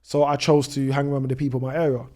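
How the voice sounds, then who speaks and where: Here a British man in his thirties, a travel vlogger on a podcast, talks through his own story casually with lots of "you know" asides. The voice is mid-range and mellow, level in tone, and rapid-fire.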